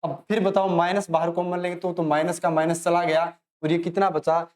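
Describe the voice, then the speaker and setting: An Indian man teaching maths online, working through problems in a chatty way and urging students to pause and try. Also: a little high, flat delivery, darkish tone. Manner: chatty, talks to students as if they ask questions; encouraging, urges students to pause and solve. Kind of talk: online lesson, solving problems.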